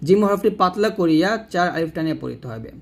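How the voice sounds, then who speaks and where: Male recitation teacher, fairly high voice, patient, repetitive demonstrations. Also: animated, creaky. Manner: slow, repetitive, demonstrates letter sounds; addresses viewers directly. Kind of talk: tajweed lesson.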